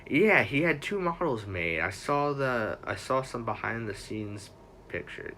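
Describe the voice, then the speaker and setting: A man's voice: medium pitch, lively intonation, unhurried, bright, forceful tone, a little hiss or hum. A young man hosting a livestream in a casual, rambling way, correcting himself often as he chats. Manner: rambling, self-correcting, chatty fan talk. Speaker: livestream host.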